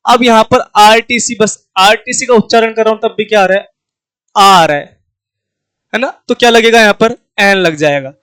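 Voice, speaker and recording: A man's voice: high-pitched, normal speed, a bit bright, clean tone, dry recording, poor audio. A man with an Indian accent teaching a grammar lesson, asking himself questions and answering them, repeating key points and spelling words out letter by letter. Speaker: English teacher. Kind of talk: classroom-style grammar lesson.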